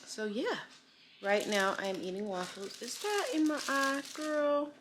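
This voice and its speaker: A woman's voice: high-pitched, animated, a little slow, background noise. A woman chatting casually and upbeat to her viewers in a home vlog, filmed on a phone camera. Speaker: vlogger.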